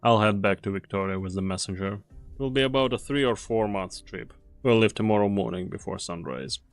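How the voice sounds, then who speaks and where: This anime game dub features a fairly low-voiced man as a weary mercenary companion, a fatalist who does his duty anyway, delivering lines with grave deliberation. It's lightly acted and recorded dry over faint background music. The mood is grave and resigned.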